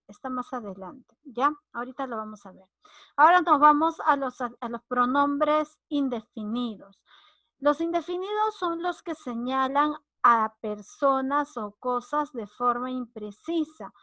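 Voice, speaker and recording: A woman's voice: sits high, bright, forceful tone, no room sound. A woman teacher, explaining grammar and acting out short example lines. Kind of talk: online grammar lesson.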